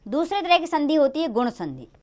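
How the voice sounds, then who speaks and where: A woman with a high voice speaks fairly quickly while giving children a grammar lesson. She walks through the rules step by step in a lively, sing-song manner, emphasizing every example.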